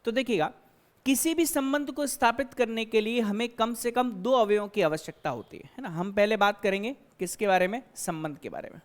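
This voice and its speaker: A woman's voice: on the high side, moderate pace. A woman math teacher giving a classroom lecture, explaining step by step and asking and answering her own questions. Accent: Hindi-speaking Indian.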